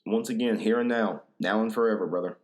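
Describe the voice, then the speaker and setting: A man's voice: on the low side, a little fast. A man hosting his podcast in a casual, rambling way, slangy and profane, a little tipsy from drinks. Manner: laid-back, slangy and profane, full of "dude" and "bro". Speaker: podcast host.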